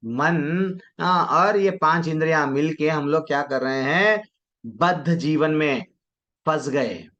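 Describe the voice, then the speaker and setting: A man teaching a devotional class in a conversational way, acting out quoted people and chanting verses slowly. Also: fairly high pitch, a bit bright. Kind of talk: Hindi devotional class talk. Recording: dull lo-fi sound.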